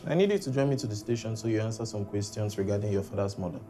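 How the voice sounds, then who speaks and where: An actor playing a calm, firm male police detective, measured and authoritative. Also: fairly low pitch, natural voice. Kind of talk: film drama acting. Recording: film audio with music bed.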